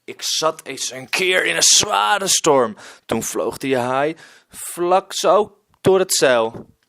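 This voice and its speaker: A man's voice: on the high side, expressive, takes it slowly, creaky, fairly bright tone, voice pushed up, exaggerated voice. A man voicing a grumbling old male ex-pirate who barks orders. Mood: boastful.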